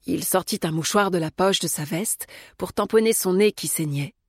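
A woman reading an audiobook as narrator, in a calm, measured way. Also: lowish voice, breathy edge, no echo, studio quality. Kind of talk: scripted narration.

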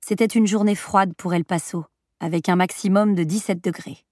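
A woman narrating an audiobook with an even, measured reading. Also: fairly low pitch, no echo, clean studio sound. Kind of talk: scripted narration.

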